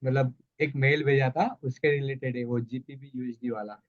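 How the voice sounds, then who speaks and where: Student caller, man, mid-pitched; choppy bad connection, lo-fi dry sound, hesitant questions. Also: steady tone, no echo. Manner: halting, fills with "matlab". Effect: choppy voice over a bad internet connection. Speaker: student in an online class. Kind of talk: asking a question on a call. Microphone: video call. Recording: dull lo-fi call audio, dry.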